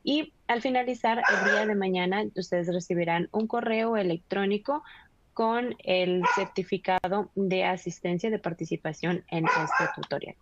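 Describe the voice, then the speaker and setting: A woman moderating a webinar, introducing it in a polite, welcoming tone with soft hesitations. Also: medium pitch, moderate pace, slight background noise. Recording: dull, dry lo-fi online call audio.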